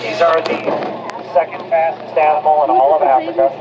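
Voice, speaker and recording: A man giving a scripted, joking tour over an outdoor loudspeaker on a zoo train, in a leisurely announcer manner. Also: a little high, fairly even intonation, brisk, muffled recording, a crowd in the background. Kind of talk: scripted tour narration with jokes. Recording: distant loudspeaker with outdoor noise.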